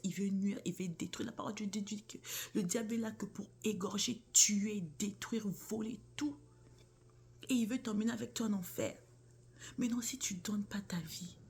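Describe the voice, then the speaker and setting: A woman's voice: mid-range voice, slight background noise. A woman giving a casual, earnest faith talk straight to her viewers, calling them sister or brother and often dropping into a near whisper. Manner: earnest, addresses listener as sister or bro.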